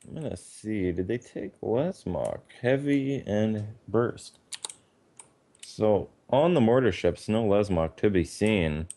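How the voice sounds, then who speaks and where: A man's voice: fairly low pitch, lively intonation, dark tone. A man co-casting a live online game, reading out loadouts and joking with his partner. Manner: joking, laughs often, reads loadouts briskly. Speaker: esports caster.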